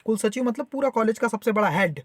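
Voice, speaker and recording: A woman's voice: fairly high pitch, expressive, fast, no echo, clean studio sound. A woman teacher explaining a story line by line, repeating herself and checking that students follow. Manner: repeats and checks understanding with tag questions. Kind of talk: explaining an English story lesson.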